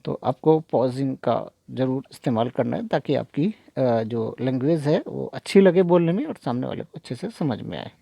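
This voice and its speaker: A man teaching a spoken English lesson step by step, reading out slow English example sentences. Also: mid-range voice, lively intonation, vocal fry, mellow, dry recording.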